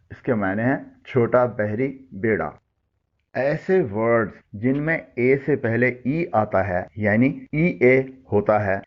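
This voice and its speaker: Guy teaching pronunciation, goes slow through word lists, kinda muffled low-fi audio. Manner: slow, deliberate listing of words and meanings. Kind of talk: instructional word-list lesson. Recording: dull lo-fi audio.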